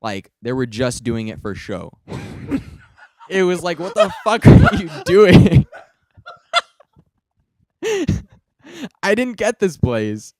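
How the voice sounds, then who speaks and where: A man's voice: a little high, huge pitch swings, slow pace, pauses often, a little mellow, no room sound, studio quality. A young man in casual podcast chat, telling a story and teasing with frequent laughter. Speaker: co-host.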